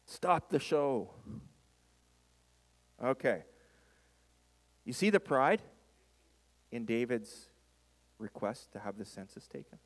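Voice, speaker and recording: A man's voice: mid-range voice, expressive, takes it slowly, long pauses. A man preaching a sermon as a pastor, with an emphatic delivery that leans on dramatic repetition. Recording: reverberant hall.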